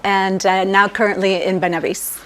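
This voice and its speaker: A woman's voice: medium pitch, little pitch movement, normal speed. A young woman from Mexico, raised in the US, answering interview questions on a TV program in an upbeat, eager way. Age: young adult. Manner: upbeat, eager, laughs often. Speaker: guest, relocation agency owner and life coach. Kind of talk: talk show interview answers.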